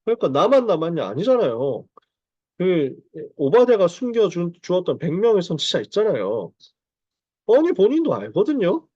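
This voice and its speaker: A male pastor preaches in a conversational way, acting out the Bible voices as he goes. His voice sits a little high and swings widely in pitch. The recording is dry and slightly muffled. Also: wildly swooping pitch, moderate pace, dark tone, no room sound. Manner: conversational, acts out Bible dialogue. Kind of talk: sermon to parents.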